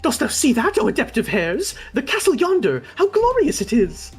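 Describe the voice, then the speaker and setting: A reader voicing an excitable sheep girl who speaks in old-fashioned thee-and-thou phrasing. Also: high-pitched, normal speed, soft background music, pitched above the performer's own voice. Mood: awed excited.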